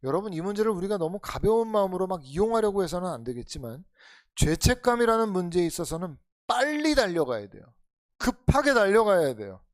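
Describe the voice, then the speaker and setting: A man's voice: high-pitched, sing-song, a little fast, no echo. A male pastor preaching an expository sermon in earnest, urging tones, full of rhetorical questions. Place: church sanctuary.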